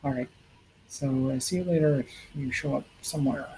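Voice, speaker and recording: A middle-aged man chats in a low-key, rambling way on a livestream from a hospital room. His voice has a gravelly, creaky edge. A faint hum sits behind him. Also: fairly quick, mellow, poor audio. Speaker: streamer giving a health update. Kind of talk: casual livestream chat.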